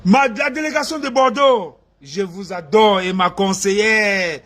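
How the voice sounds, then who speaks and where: A man, talking to his supporters in a casual live video, animated and laughing, slipping into Pidgin English. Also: high-pitched, unhurried. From Cameroon. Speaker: activist addressing supporters.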